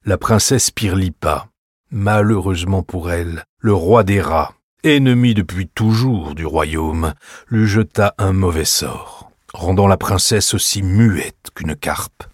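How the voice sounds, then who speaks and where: A man voicing a kindly, playful uncle who tells tales in a hushed, confiding way in a storybook reading. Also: low-pitched, slow, breathy edge, no echo, clean studio sound, exaggerated voice.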